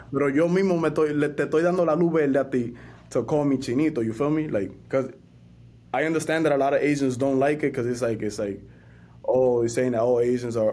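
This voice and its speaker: Laid-back, mellow-voiced man. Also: mid-range voice. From New York. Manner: laid-back, slangy, slips into Spanish. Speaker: chef and musician, interviewee. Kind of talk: casual interview talk.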